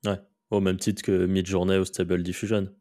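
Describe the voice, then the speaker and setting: Deep-voiced man chatting on a podcast. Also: flat delivery, moderate pace, mellow. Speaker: podcast co-host. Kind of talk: casual podcast chat.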